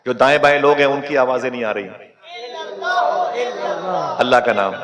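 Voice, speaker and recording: Impassioned male preacher before a crowd. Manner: impassioned, rising to high emotional peaks, urges audience responses. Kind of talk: emotional Urdu sermon storytelling. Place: gathering with an audience. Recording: crowd noise behind.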